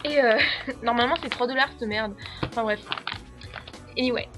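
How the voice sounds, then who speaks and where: Over faint background music, a young adult from France, an au pair vlogger, chats to the camera in a slightly high, somewhat bright voice at a normal pace. She has a French accent and rambles casually, full of fillers and frequent giggles.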